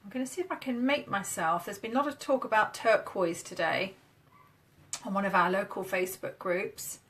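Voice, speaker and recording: Bright chatty British woman on a webcam. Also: medium pitch, normal speed. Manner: chatty, upbeat, demoing on screen as she talks. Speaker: marketing coach. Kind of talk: casual Facebook Live chat.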